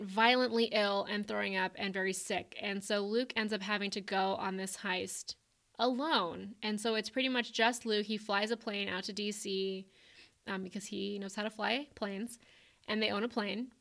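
A woman's voice: medium pitch, steady tone, moderate pace, gravelly, bright, forceful tone. A young woman co-hosting a podcast, chattily retelling a book's plot with lots of fillers. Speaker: podcast co-host. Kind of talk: casual book chat.

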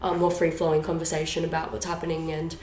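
Young aussie girl, lowish voice, rambly ums and laughs, roomy echo. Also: completely flat delivery, fast, darkish tone. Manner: laughing, loose, many ums. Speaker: podcast co-host. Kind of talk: casual chat. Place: home room, not a studio. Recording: echoey room, faint noise.

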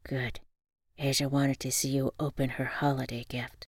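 A woman voicing an affectionate, soft-spoken young father with a hushed delivery in an audio story. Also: level tone, moderate pace, husky, no room sound, studio quality, heavily acted. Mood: gently teasing. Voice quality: hushed, low.

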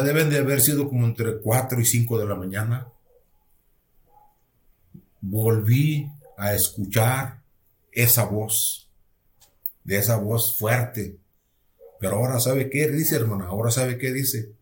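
Earnest pastor in an echoey room. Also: male voice, mid-range voice, darkish tone. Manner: earnest, halting storytelling with many restarts. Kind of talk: personal testimony told to a listener. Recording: roomy echo.

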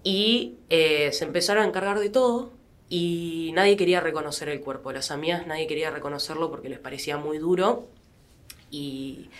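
A young adult woman with an Argentine accent, speaking as an interview guest in a quiet, reflective way with fillers and restarts. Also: sits low. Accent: Argentine Spanish. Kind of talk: personal testimony in a podcast interview.

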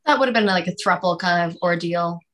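A woman's voice: on the low side, a little fast, a bit bright. Young female guest, blunt and jokey in loose banter. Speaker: podcast guest. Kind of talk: casual chat.

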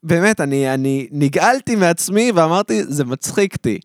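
A man's voice: a little high, expressive, dry recording, clean studio sound. A man co-hosting a podcast, chatting casually, candid and joking at his own expense. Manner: candid, self-mocking humor. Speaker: podcast co-host. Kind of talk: casual chat.

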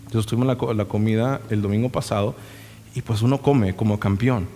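A man's voice: fairly low pitch, fairly even intonation, brisk, mellow, a little hiss or hum. Impassioned preaching man in a reverberant hall. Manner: impassioned preaching mixed with folksy storytelling asides. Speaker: pastor. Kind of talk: sermon. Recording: reverberant hall with faint music.

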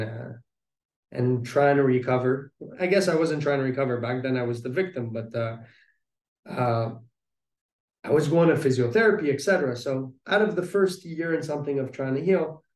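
A man's voice: mid-range voice, moderate pace, a little mellow, reverberant, recorded from a distance. A man telling a personal story of recovery in conversation, earnest and reflective, with many restarts.

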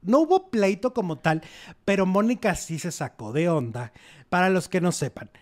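A man with a Mexican accent co-hosting an entertainment show, chatting about celebrity gossip in an animated, dramatic way. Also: sits high, moderate pace. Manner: animated, dramatic, acts out quotes with exclamations. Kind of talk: casual gossip chat.

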